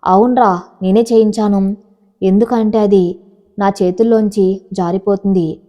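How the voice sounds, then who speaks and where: A woman's voice: mid-range voice, steady tone, measured pace, warm tone, lightly acted. A woman reading as a scolding, scheming old mother-in-law. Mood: defiant. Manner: scolding, defensive.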